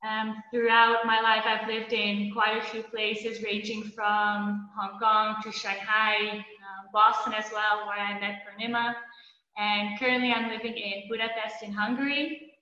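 A woman's voice: mid-range voice, flat delivery, a little slow, pushed and bright. Earnest woman in an echoey room. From Netherlands, grew up in Belgium. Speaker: guest. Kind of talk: interview answers. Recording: muffled echoey room sound.

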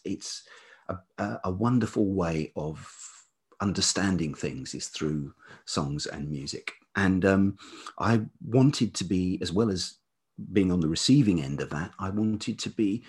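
A middle-aged man from England, a writer and musician, speaks as a podcast guest in a low, slightly rough voice with a darkish but velvety tone. His manner is thoughtful and hesitant, and he repeats words while groping for them.

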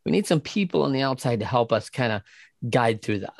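A man's voice: mid-range voice, expressive, a little fast, gravelly, dry recording, clean studio sound. A man co-hosting a casual talk show, telling stories with lots of energy, acting out quoted voices and laughing often. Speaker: podcast co-host. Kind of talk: casual conversational chat.

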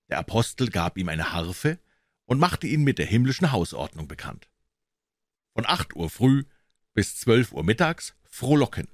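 A man narrating a comic classic story in a lively, expressive reading. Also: lowish voice, no echo, studio quality.

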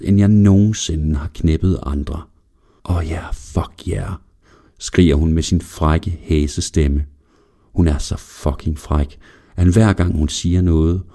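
A man narrates a first-person erotic audio story in a slow, even reading voice. His voice is very low and dark, with a mellow warmth.

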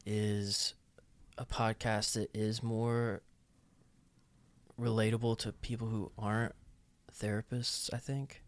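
A man co-hosting a podcast in casual chat, joking and halting as he goes. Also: on the low side, level tone. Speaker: podcast co-host, counselor.

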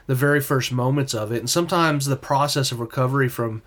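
Guy co-hosting a podcast, rural drawl, kinda nasally, medium pitch, just talking. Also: fast talker, a bit bright. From West Texas, US. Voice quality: slightly nasal. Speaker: podcast co-host. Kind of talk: conversational podcast talk.

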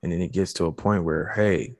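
A man's voice: sits low, steady tone, fast, a little mellow, in a large hall. A man co-hosting a podcast in a laid-back way, often saying "man" and "you know". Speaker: podcast co-host. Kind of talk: casual conversation.

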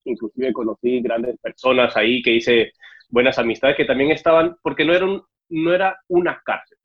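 As an interview guest in a casual chat, a young man from Cuba with a Mexican Spanish accent narrates his story and performs the dialogue in a raised voice. He speaks at a moderate pace in a steady, medium-pitched voice, captured on muffled, dull audio.

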